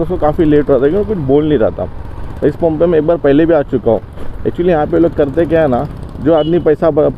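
A young man vlogging outdoors beside a highway petrol pump, chatty and blunt, swearing when annoyed. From Mumbai. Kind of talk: casual vlog narration and roadside argument. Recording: muffled outdoor recording with traffic noise.

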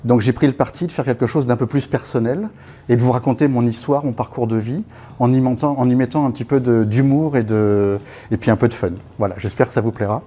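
Speaking quickly in a warm, mid-range voice with a breathy edge, this guest speaker recounts his life at a networking evening. He is in his fifties, born in Congo, raised in Africa by French parents, and his anecdotal, casual talk is full of fillers and restarts. The clip comes from a distant camera in a small meeting room.

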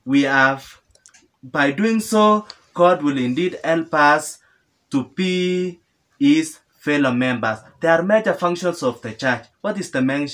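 A man's voice: fairly high pitch, fairly bright tone. A young man giving an earnest sermon to camera in a small room, asking questions and answering them himself, often repeating and restarting phrases. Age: young adult. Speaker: preacher. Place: small indoor room with sofa.

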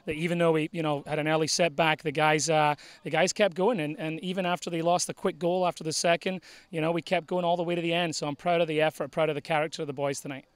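A man's voice: on the high side, level tone, fast, clear, resonant tone, no room sound. A man in his forties, a head soccer coach, giving an earnest postgame interview on a floodlit field at night, often repeating words as he starts sentences. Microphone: handheld interviewer mic.

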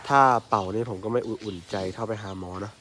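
Animated man telling stories. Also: fairly low pitch, a little fast, a little hiss or hum. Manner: animated, exclaims often. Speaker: elephant mahout and channel host. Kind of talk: casual storytelling chat.

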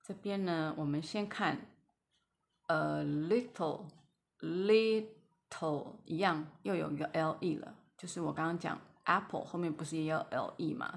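Woman, lower voice, very slow, vocabulary teacher, spells letters aloud, repeats words. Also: gravelly, fairly bright tone. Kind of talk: phonics lesson.

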